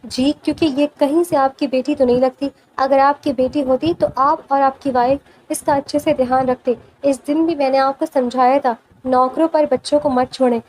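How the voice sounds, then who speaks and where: A woman's voice: sits high, fairly even intonation, a little mellow, natural voice, poor audio. A woman reading the part of a firm female doctor lecturing a careless father in a storybook romance. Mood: stern.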